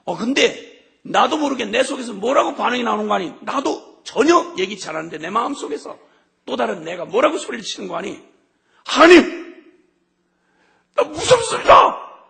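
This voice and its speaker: A middle-aged man preaching a sermon with passion, his voice swinging from hushed to shouting. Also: high-pitched, lively intonation, fast, vocal fry, husky. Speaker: missionary preacher.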